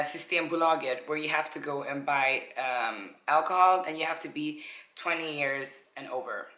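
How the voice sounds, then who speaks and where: Bright-voiced woman vlogging in an echoey room. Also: deep voice. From Sweden. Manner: upbeat, self-correcting, addresses viewers directly. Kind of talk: casual chatty vlog explainer.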